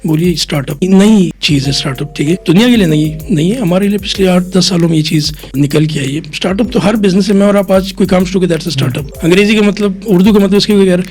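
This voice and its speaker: This Quetta-born chartered accountant, a middle-aged Pakistani man, talks fast in a high, slightly mellow voice and barely pauses, with soft music underneath. He's being interviewed on a podcast, explaining at length in Urdu laced with English and repeating "theek hai" often.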